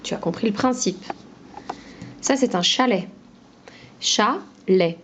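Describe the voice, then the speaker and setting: A woman teaching a phonics lesson to young children, pronouncing each word slowly and clearly, syllable by syllable. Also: fairly high pitch, slight background noise. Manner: slow, clear syllable-by-syllable pronunciation.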